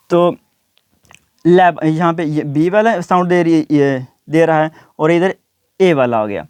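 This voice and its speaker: A man gives an English pronunciation lesson. His voice sits fairly high, and he moves slowly, saying each word again and again with plenty of fillers. The recording is dry, with no room sound. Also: darkish tone, dry recording. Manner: slow, repeats each word several times, many fillers. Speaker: English teacher. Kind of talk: classroom lesson explaining pronunciation.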